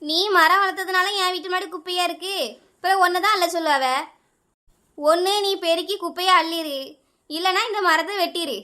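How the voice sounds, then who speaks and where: A woman's voice: very high voice, steady tone, fairly quick, sharp tone. A woman voicing a fed-up, quarrelsome neighbour with a Kanyakumari Tamil accent, scolding and complaining.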